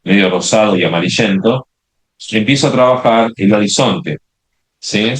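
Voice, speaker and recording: A man's voice: on the low side, moderate pace. A man demonstrating a watercolor painting, explaining step by step and often checking in with "¿sí?". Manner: explanatory, many checking "¿sí?" tags and restarts. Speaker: watercolor instructor.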